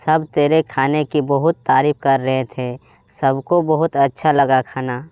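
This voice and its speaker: A man's voice: medium pitch, little pitch movement, unhurried, darkish tone, clean tone, no echo, close to an everyday voice. A man voicing a chiding but motherly mother-in-law in a storybook tale. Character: mother-in-law, fussy then kindly. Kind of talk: storybook voice acting.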